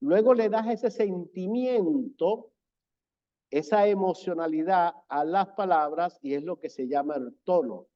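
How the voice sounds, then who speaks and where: Slow, deliberate male speaking coach. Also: sits high. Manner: slow, deliberate delivery with repeated emphasis. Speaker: public speaking instructor. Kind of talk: online presentation lecture. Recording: slightly dull, lo-fi audio.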